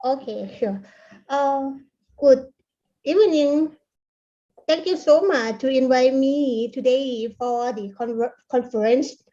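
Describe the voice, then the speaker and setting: A woman with a Thai accent and Thai as her first language gives a conference presentation, speaking haltingly and repeating words. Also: sits high, warm tone. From Thailand. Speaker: keynote speaker, university lecturer. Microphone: online conference call. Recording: dull, lo-fi online call audio.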